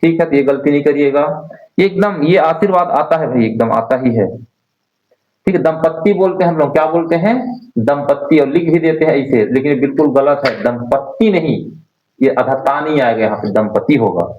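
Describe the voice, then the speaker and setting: A man's voice: fairly high pitch, moderate pace. A male teacher leading an online Hindi spelling class, repeating words and quizzing his students. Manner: drills words by repeating them, asks students questions. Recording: roomy, dull lo-fi sound.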